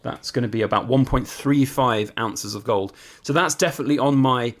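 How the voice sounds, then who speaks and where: A man's voice: medium pitch, normal speed. A British man talking casually and informally as an enthusiast hosting his own collecting vlog. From United Kingdom. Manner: chatty, conversational, informal. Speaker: coin collector and video host.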